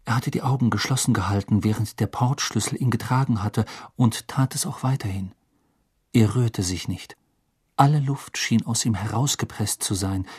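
Husky-voiced male audiobook narrator. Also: lowish voice, dry recording, studio quality. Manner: measured, calm storytelling. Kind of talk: scripted fantasy narration.

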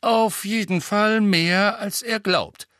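A man voicing a mild grown man who raises his voice to make a point, pitched higher than the reader's own. Bright and lively, a storybook figure. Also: slow pace, no echo, studio quality, heavily acted. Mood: insistent.

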